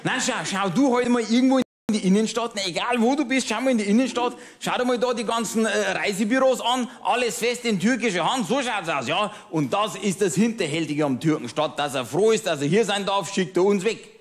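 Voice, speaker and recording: A comedian putting on a bigoted middle-aged Bavarian loudmouth with a thick Bavarian accent. He rants in a smug, self-satisfied way and keeps nudging the listener with "verstehst?". His voice sits a little high for a man. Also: a little fast, few pauses, natural voice. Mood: smug ranting. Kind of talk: cabaret monologue.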